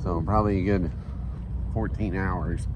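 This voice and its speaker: A man's voice: low-pitched, steady tone, a little slow, highs cut off, noisy background. A man giving casual, rambling travel vlog narration with wry, self-deprecating asides. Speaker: travel vlogger.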